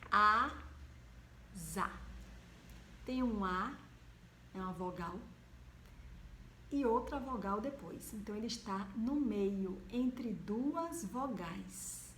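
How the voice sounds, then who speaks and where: A woman teaching young children in a video lesson from home, with a Brazilian accent, drawing out words slowly. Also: medium pitch, lively intonation, fairly bright tone, reverberant, slight background noise. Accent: Brazilian Portuguese. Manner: slow, drawn-out words for the children. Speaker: primary school teacher.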